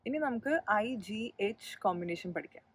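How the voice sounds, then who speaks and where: A woman's voice: medium pitch, expressive, normal speed, husky, dry recording, poor audio. A woman hosting her own channel and teaching English pronunciation in a patient, step-by-step explanatory lesson.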